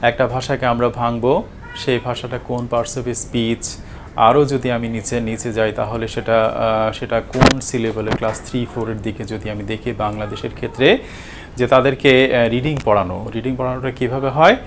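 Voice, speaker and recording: Male teacher, mid-pitched, hesitant lecturing, faint background noise. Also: flat delivery. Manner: halting, many fillers and restarts. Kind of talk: explanatory lecture.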